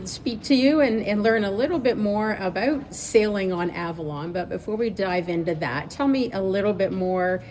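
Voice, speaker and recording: A woman's voice: mid-range voice, moderate pace, few pauses, a little mellow, a little hiss or hum. A woman hosting a podcast interview, asking questions in a friendly, upbeat way. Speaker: podcast host. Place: aboard a river cruise ship.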